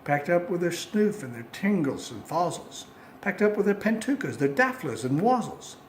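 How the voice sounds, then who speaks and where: Man, storybook recitation from memory, theatrical sing-song, very lively pitch, faint noise. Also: moderate pace, roomy sound. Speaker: amateur storyteller.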